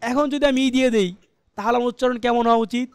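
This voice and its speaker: A man with a Bangladeshi Bengali accent leads a live online pronunciation class with a fairly high voice. He breaks words into single sounds and keeps asking his students questions. The recording is close and dry, with no room sound. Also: fairly even intonation, fast talker, darkish tone, smooth, dry recording. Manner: explains step by step, quizzing students and sounding out letters. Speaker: English pronunciation teacher.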